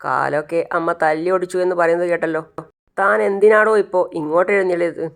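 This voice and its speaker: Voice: medium pitch, steady tone, fast, vocal fry, natural voice. A narrator doing a rude office watchman who questions and belittles a visitor in a retold serial. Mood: sarcastic. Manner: blunt, sarcastic questioning.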